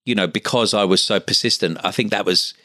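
A man's voice: on the low side, fairly quick, sharp tone, no echo, studio quality. A middle-aged man from Essex with an Essex accent, talking casually as an interview guest in a chatty, stop-start way. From Essex, England. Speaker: interview guest, medical finance business owner.

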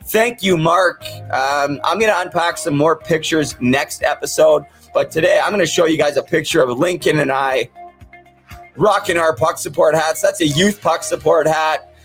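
A man's voice: fairly high pitch, moderate pace, fairly bright tone, faint music behind. A man with the toothless speech of someone missing his teeth, hosting a podcast and talking casually, earnestly and plainly to his viewers. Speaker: podcast host. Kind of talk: casual, sincere talk to viewers.

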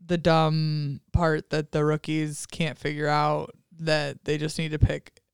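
Podcast cohost walking thru the episode recap, um-ing a lot, super smooth clear voice, dry sound. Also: medium pitch, monotone, takes it slowly, no room sound. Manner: plods through plot recap, hesitant. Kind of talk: casual chat.

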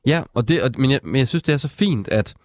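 A man's voice: medium pitch, animated, no room sound. A man co-hosting a casual podcast chat about an album, agreeing often and restarting his sentences. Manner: agreeable, short interjections, restarts. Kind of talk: casual music review chat.

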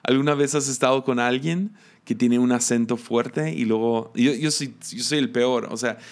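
A preacher with a Mexican Spanish accent speaks in a steady, mid-range voice at normal speed. He delivers a conversational sermon in a reflective, chatty way.

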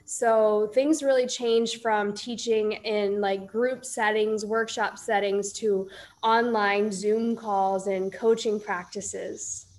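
A woman in her thirties from Iowa, a yoga teacher and coach, answering interview questions in a calm, measured way. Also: mid-range voice. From Iowa, United States.

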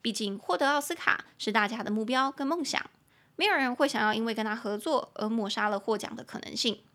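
A young woman hosts a casual language-lesson podcast, chatting freely and then slowing down to spell words and model English sentences. Her voice is bright and clear and sits a little high. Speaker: podcast host teaching English.

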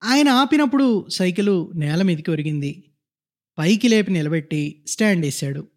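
A man with a notably high voice narrates a literary short story. He reads in a measured, descriptive way and lets each scene unfold steadily. The tone is that of a scripted storytelling reading. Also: expressive, a little mellow.

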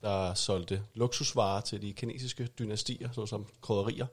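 A man giving a casual history overview in a chat, pausing with many fillers. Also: on the low side, fairly even intonation, husky. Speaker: co-presenter.

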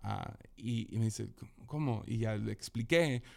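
In relaxed conversation, a young adult man spins animated stories, performing quotes and laughing often. He speaks unhurriedly in a lowish voice with vocal fry.

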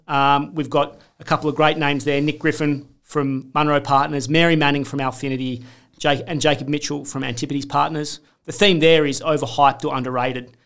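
A man's voice: on the high side, fairly bright tone. A man, a podcast co-host keenly laying out an event program in casual chat, with frequent restarts. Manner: enthusiastic, talks in long runs with restarts. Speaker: co-host presenting an investor event.

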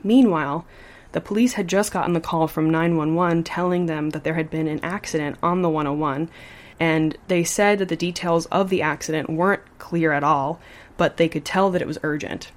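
A woman's voice: sits low, moderate pace. A woman hosting a podcast, telling a true story in a casual, chatty way and sometimes adding "like.". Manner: animated, chatty, says like often.

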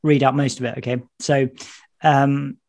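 Gravelly-voiced man hosting a chat. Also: mid-range voice, little pitch movement, normal speed, a little mellow. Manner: reads prayers aloud with playful emphasis. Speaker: podcast host. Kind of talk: casual chat.

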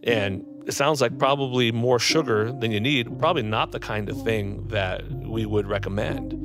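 A man who is a medical expert, answering interview questions in a measured, explanatory way. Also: medium pitch, music in the background.

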